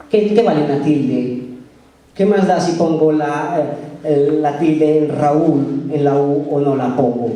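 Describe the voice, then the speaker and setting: A man gives a casual sermon and keeps asking his listeners questions. His voice is mellow and a little high for a man. He is picked up a distance in a very echoey meeting room. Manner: conversational, asks the congregation questions. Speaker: preacher.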